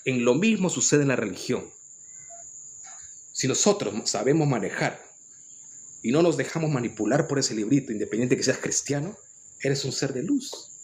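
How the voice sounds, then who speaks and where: A man with a Peruvian accent giving an earnest, lecturing spiritual monologue, often restarting his phrases. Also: medium pitch. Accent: Peruvian Spanish. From Peru. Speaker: spiritual commentator.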